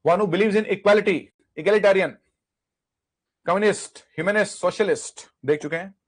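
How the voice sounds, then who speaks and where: A man's voice: sits high, measured pace. A man teaching an exam vocabulary lesson, drilling word lists by repetition and asking and answering his own questions. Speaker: English teacher.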